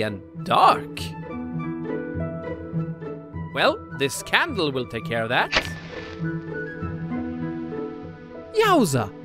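A performer plays a cocky young male cartoon gander, breezy and full of exclamations. The voice is very animated in pitch and takes its time, over clearly audible music. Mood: curious, excited. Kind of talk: amateur comic dub acting.

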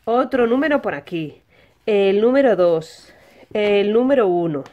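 This host of a children's toy channel is a woman from Spain whose mid-range voice carries lively intonation at a measured pace. Addressing little kids in a simple lesson, she poses questions and supplies the answers herself. The audio is muffled.

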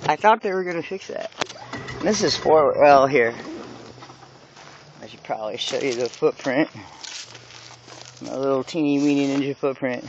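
A man vlogging playfully while driving a golf cart outdoors, goofy and excitable, with whoops and laughs. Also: mid-range voice, moderate pace, pauses often. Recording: dull lo-fi sound with cart noise.

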